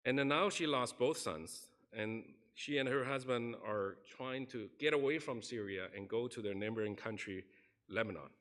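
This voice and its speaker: Earnest and storytelling, the pastor acts out the people he quotes while preaching in the church sanctuary. His voice is medium in pitch, a bit bright, and delivered at a moderate pace.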